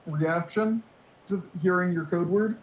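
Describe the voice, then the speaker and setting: A man running a tabletop game as game master, making rulings with pauses and restarts. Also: sits high, phone-quality sound. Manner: hesitant rulings, thinks aloud. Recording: roomy echo.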